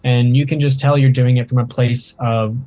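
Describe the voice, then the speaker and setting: A man's voice: medium pitch, fairly even intonation, normal speed, warm tone. A man hosting a casual interview, speaking in a friendly and complimentary way and asking open questions. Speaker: host, interviewer.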